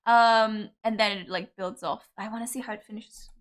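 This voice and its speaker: Loud music plays behind a young Cypriot woman whose mid-range voice keeps fairly even intonation at a moderate pace. Hosting a casual reaction video, she responds to songs enthusiastically, gushing, full of fillers and affectionate comments.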